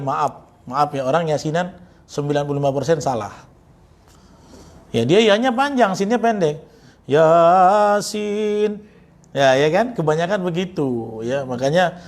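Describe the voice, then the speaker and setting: A man teaching Quran recitation, chanting verses and then correcting pronunciation with teasing remarks. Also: a little high.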